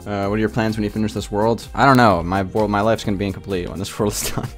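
A young man chatting casually on a gaming livestream, rambling with lots of "like" and ranting in an animated way. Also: on the low side, quick pace, faint music behind. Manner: rambling, heavy use of filler "like", animated ranting.

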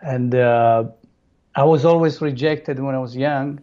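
A man's voice: mid-range voice, a little slow, warm tone. A man in his thirties from Italy with an Italian accent, a guest sharing his personal testimony in simple, non-native phrasing over a video call. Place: home room, on video call. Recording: muffled video call audio.

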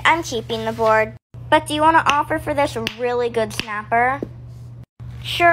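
A woman narrating and acting out a comic fidget trading skit, excitable and speaking to her viewers. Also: high voice, slight background noise. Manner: excitable, gasping, addresses viewers. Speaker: skit creator.

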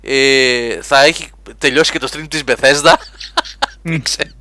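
A man hosting a live gaming webcast, chatting lively and reading listener questions aloud. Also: mid-range voice, no echo. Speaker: podcast host.

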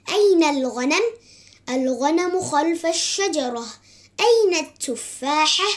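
A woman giving a vocabulary lesson, patiently drilling words in question-and-answer form. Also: very high voice. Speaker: teacher.

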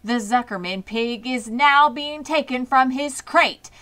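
Storybook fairground announcer as a woman plays it: high, loud, projected delivery, full of pomp and ceremony. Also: a little slow. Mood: pompous, announcing. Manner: pompous, declamatory, projected. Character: pompous fairground loudspeaker announcer, booming and grandiose. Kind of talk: children's storybook character voice.

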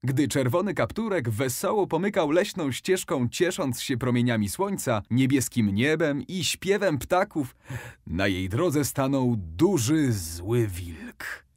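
A man narrating a children's bedtime story in an expressive, animated way. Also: mid-range voice, unhurried, no echo, clean studio sound.

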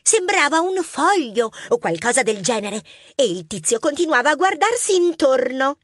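An eager little girl mouse, put on by a woman, chatty and quick to tell what she saw. Her voice sits high and bounces with lively pitch, in a dry studio sound. A storybook figure full of youthful eagerness. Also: no echo. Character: cheerful young girl mouse witness.

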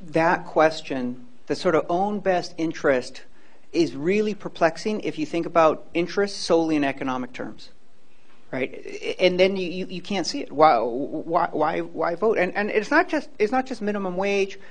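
A man's voice: on the high side, lively intonation, normal speed. A man in his fifties speaks to a lecture hall crowd through a handheld microphone. He is earnest and emphatic, stacking repeated words as he builds each point. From Hawaii. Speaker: law professor giving a public lecture. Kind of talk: public lecture and Q&A. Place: large lecture hall, indoors.

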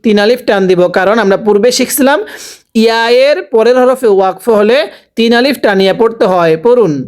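A man teaching Quran recitation by spelling out each syllable, slowly drawing out the words as he recites them and pausing to explain the rules. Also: very high voice, clear, resonant tone. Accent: Bangladeshi Bengali. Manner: slow, drawn-out recitation of syllables, with instructions in between.

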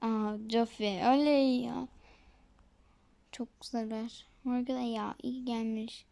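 A woman's voice: a little high, fairly even intonation, takes it slowly, vocal fry, warm tone. A woman casually commenting on her game for viewers, chatty and often dropping to a whisper. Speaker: gaming video creator.

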